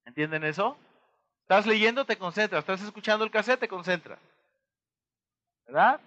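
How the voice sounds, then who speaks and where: A man with a Mexican accent giving a motivational talk to an audience, pausing to throw them rhetorical questions and act out little dialogues. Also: high voice, animated, pushed and bright, dull audio. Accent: Mexican Spanish. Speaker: motivational speaker.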